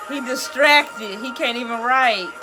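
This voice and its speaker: A woman's voice: a little high, a little slow, over music. A woman hosting a reaction video, chatting casually and bluntly, joking and laughing along as she comments.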